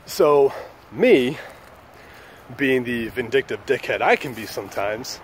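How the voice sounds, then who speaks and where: A man in a casual vlog tells a story in an easygoing, profane, joking way. His voice sits at a middling pitch. A faint hum of traffic runs underneath. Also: animated, slow pace. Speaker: channel host.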